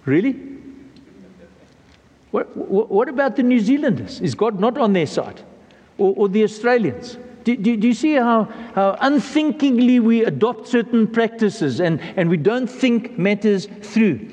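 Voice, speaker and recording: A man's voice: sits high, lively intonation, measured pace, darkish tone, big-room sound. A pastor preaching a sermon in an earnest, emphatic way, often repeating words as he restarts.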